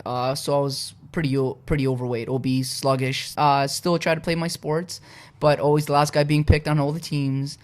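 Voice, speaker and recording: A man's voice: a little high, clear, resonant tone. Polish-born man telling his story. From Poland. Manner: relaxed, frequent "uh" and "you know" fillers. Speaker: podcast guest. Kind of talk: casual conversational storytelling.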